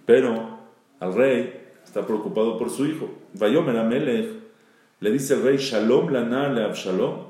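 The room's heavy echo surrounds a rabbi whose mid-range voice is dark in tone and a little slow. Teaching a Bible story, he reads Hebrew verses before explaining them in Spanish, repeating phrases for emphasis.

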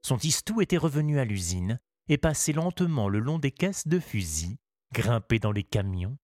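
A man narrating a children's story in a measured, expressive reading. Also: mid-range voice, no echo.

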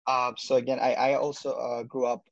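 A man's voice: medium pitch, little pitch movement, fairly quick, creaky, dry recording, highs cut off. A man from Bangladesh, a medical student, answering interview questions with many fillers and restarts.

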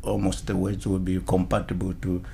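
A man from Zimbabwe with a low, gravelly voice speaks as a podcast guest. He explains in a measured, halting way, and his pitch barely moves. A faint hiss sits under the recording. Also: level tone, mellow. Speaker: guest artist. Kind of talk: podcast interview.

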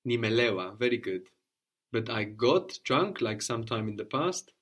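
A man's voice: mid-range voice, lively intonation, moderate pace, fairly bright tone. Patient male language teacher. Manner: patient, prompting questions and repeating answers. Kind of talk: one-on-one language lesson.

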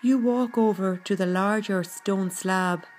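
Slow, soothing woman guiding meditation over music. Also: medium pitch. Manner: soothing, gentle, unhurried. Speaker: guided meditation narrator. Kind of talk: scripted guided meditation narration. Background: background music.

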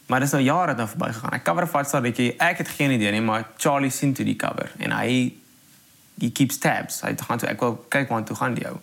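A man from South Africa in his thirties, a drummer guest in a casual podcast chat. He tells his story with energy and laughs often. He acts out what other people said. His voice sits at an ordinary mid pitch. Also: gravelly, a bit bright.

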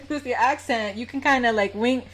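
Speaking in a high-pitched, husky, fairly bright voice, a woman from the United States interviews someone at a slightly slow pace. Her standard American accent carries an informal, chatty manner, and she laughs readily throughout the casual conversation.

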